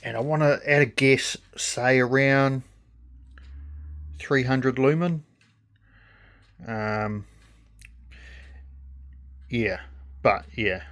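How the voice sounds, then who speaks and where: Male, New Zealand accent, slow and hesitant, unscripted casual reviewer. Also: medium pitch, fairly bright tone. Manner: halting, hesitant delivery with pauses. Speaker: gadget reviewer.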